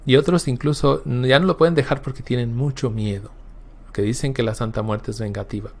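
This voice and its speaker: Gravelly man teaching a Bible class. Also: mid-range voice, fairly even intonation, fairly quick. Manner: emphatic, repeats words for stress, checks in with "¿sí?". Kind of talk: recorded Bible class lecture.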